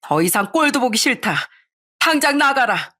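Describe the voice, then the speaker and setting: A woman's voice: sits high, big pitch swings, moderate pace, pushed and bright, pitched above the performer's own voice, exaggerated voice. A woman reading an angry older mother who scolds her greedy son and daughter-in-law in a raised, indignant voice. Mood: anguished, furious.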